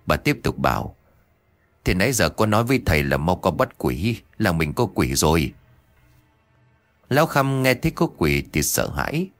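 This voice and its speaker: A man narrating a ghost story with a lively, dramatic reading. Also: fairly low pitch, no echo.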